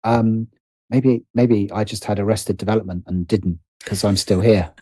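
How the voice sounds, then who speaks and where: As a guest on a podcast, a middle-aged British writer and producer talks in a casual, reflective way, hesitating and poking fun at himself as he thinks out loud. His voice sits fairly low with a steady, dark, slightly breathy tone, and he speaks at a moderate pace in a dry recording.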